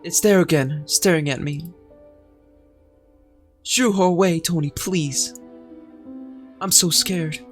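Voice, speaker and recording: A man's voice: a little high, slow, long pauses, faint music behind, pitched above the performer's own voice. A man voicing a frightened little sister in a horror visual novel, pleading and close to tears. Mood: scared, pleading. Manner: tearful, pleading.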